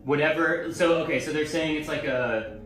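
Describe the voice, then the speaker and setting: Young male, fairly high voice, incredulous casual talk in an echoey room. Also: moderate pace, a bit bright. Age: young adult. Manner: incredulous, questioning. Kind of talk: casual phone-video talk. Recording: echoey played clip, music behind. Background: music.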